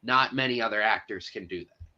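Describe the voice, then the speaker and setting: A man's voice: lowish voice, a little fast, bright, forceful tone, lo-fi sound. A man co-hosting a casual movie review chat, praising the acting with enthusiasm and a lot of "like" and "uh". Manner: enthusiastic praise, many fillers like "like" and "uh".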